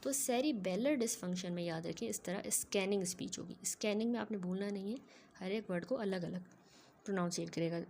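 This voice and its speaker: A woman giving a methodical, explanatory medical lecture, often pausing to check in with her students. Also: mid-range voice, creaky, a little mellow, slight background noise. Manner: methodical, keeps checking in with "ठीक है".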